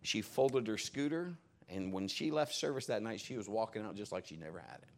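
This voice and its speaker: This man's voice sits on the low side and moves a little fast. As a pastor in a church service, he turns his sermon into storytelling, chatting with the congregation and performing the lines he quotes.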